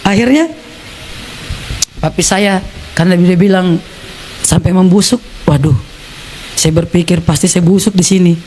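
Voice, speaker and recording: A man's voice: high voice, measured pace, long pauses, a little mellow, slight background noise. A man from South Sulawesi giving a personal testimony to a church congregation, telling his story vividly with frequent laughs. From South Sulawesi, Indonesia. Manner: storytelling, acts out quotes, laughs often.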